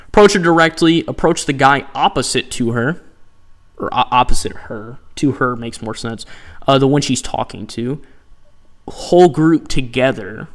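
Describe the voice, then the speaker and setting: In a mid-range voice, this streamer plays a dating game on a live broadcast, voicing the choices aloud and meeting them with incredulous sarcasm.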